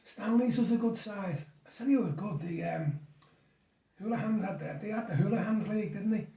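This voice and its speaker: High-pitched Merseyside man, distant and echoey. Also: a little fast, gravelly, dark tone. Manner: chatty, anecdotal. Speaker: guest, former football referee. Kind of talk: casual reminiscing interview. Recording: echoey room, distant mic.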